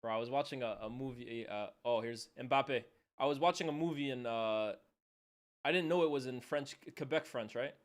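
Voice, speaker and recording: A man's voice: mid-range voice, normal speed. A young man hosting a football watchalong stream, chatting loosely with his chat, saying "bro" a lot and laughing often between calls of the play. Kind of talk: casual live-stream chat and match commentary.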